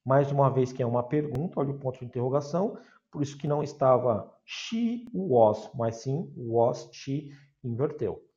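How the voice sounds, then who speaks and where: A man with a Brazilian Portuguese accent teaching an English class, explaining step by step and slowing down to model example sentences. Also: medium pitch, animated, warm tone. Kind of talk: recorded class lesson. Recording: dull lo-fi recording.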